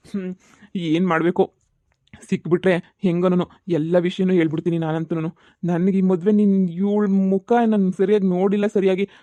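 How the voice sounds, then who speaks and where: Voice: medium pitch, dark tone, no echo, lightly acted. A voice actor playing an exasperated man who refuses a marriage, in a cartoon comedy. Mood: worried.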